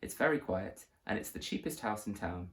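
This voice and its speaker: A man's voice: fairly low pitch, lively intonation, normal speed. A man voicing a smug, joking male estate agent, in a storybook reading.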